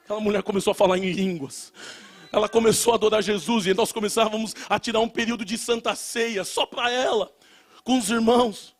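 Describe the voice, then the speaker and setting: High-voiced preacher shouting prayer. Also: male voice, steady tone, brisk. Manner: storytelling testimony rising into loud shouted prayer. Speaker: pastor. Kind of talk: sermon.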